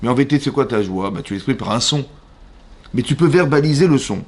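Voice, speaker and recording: A man with a French accent, a rabbi giving an animated Torah class in a synagogue, questioning his listeners and acting out voices. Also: medium pitch, fast. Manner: animated, asks the audience questions, acts out voices. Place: synagogue hall.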